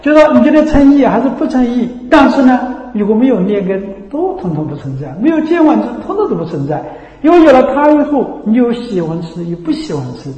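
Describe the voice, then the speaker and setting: A man's voice: very high-pitched, very animated, fairly quick, mellow, muffled recording. A man giving a Buddhist dharma talk as teacher, explaining patiently and often checking that listeners follow. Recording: echoey hall with long reverb.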